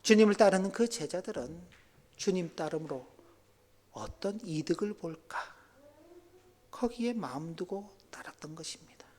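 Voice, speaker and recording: A male pastor preaching a sermon, dropping to near-whispers and then rising to loud, exclaiming passages. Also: high-pitched, expressive, normal speed, long pauses.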